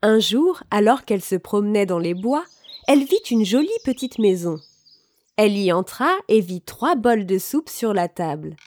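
A woman reading a children's story aloud, slowly and expressively, with clear articulation. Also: medium pitch, darkish tone.

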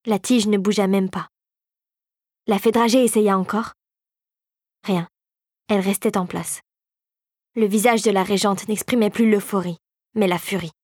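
A woman reading a children's fantasy audiobook aloud in a steady, expressive storytelling manner. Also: medium pitch, measured pace, long pauses, no echo, studio quality. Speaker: audiobook narrator. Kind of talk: scripted narration.

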